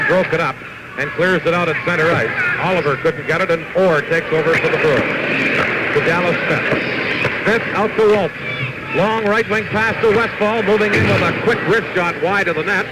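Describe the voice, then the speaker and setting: A man giving brisk, steady play-by-play commentary on a hockey game, re-recorded off a TV speaker. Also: high voice. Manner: brisk, steady calling of each pass and player. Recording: noisy 1970s broadcast taped off a TV speaker.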